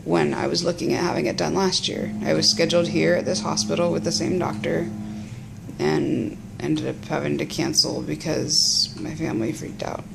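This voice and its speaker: A woman with a heavily creaky, gravelly voice rambles through a casual personal vlog. She talks in a halting way, stopping and picking up again. The phone recording has clearly audible noise around her. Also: deep voice, steady tone. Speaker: patient vlogging after surgery.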